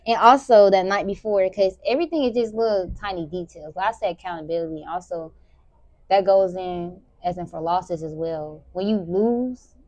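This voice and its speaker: Give me a low-voiced teenage girl from Memphis, answering questions casually, recorded dry. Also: dry recording, dull audio. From Memphis, Tennessee. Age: teens. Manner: relaxed, rambling, many "like" fillers. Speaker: high school sprinter interviewee.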